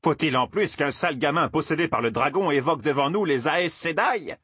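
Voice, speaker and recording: A man voicing a cranky, indignant old male roofer who scolds and shouts, in an audiobook. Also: a little high, very animated, normal speed, breathy edge, no echo, studio quality, pitched above the performer's own voice. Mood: furious. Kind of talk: audiobook character voice.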